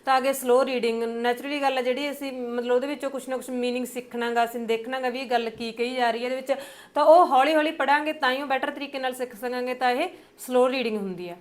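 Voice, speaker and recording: A young woman with a Punjabi accent gives an exam-prep lecture. Her voice sits a little high. She explains patiently, pads her points with fillers and slows down over the English terms. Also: fairly even intonation. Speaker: teacher.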